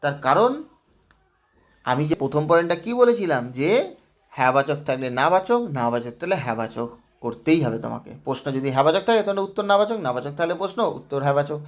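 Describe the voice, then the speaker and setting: A man's voice: fairly high pitch, expressive, fast. A man teaching grammar as a lesson, explaining step by step and asking rhetorical checks. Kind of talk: classroom lesson.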